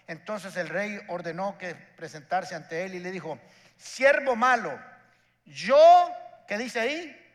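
A man's voice: high-pitched, a bit bright, big-room sound. A man, preaching a sermon as a pastor and acting out the characters in his story.

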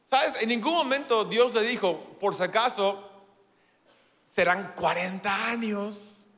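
A man preaching a sermon in an animated, playful way, with self-deprecating humor. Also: sits high, slow, in a large hall.

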